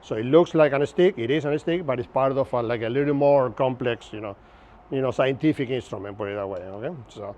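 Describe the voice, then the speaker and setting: The instructor, an Argentine in his fifties whose first language is Spanish, has a Buenos Aires accent and a medium-pitched, darkish voice that moves a little fast. He gives a chatty, jokey workshop lecture in an open-sided pavilion outdoors, repeatedly checking in with those listening.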